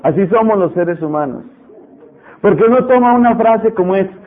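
An animated man delivers a sermon, repeating phrases and acting out stubborn voices. His voice sits high and sounds husky. It comes through a narrow, tinny radio broadcast. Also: normal speed, some chatter behind. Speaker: preacher.

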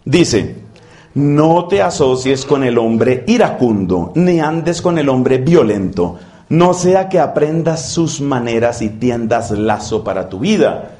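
A man, a priest giving a conversational sermon that mixes scripture and gentle humor. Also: mid-range voice, lively intonation, slow pace, echoey room. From Colombia. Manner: conversational preaching with quoted prayers and humor.

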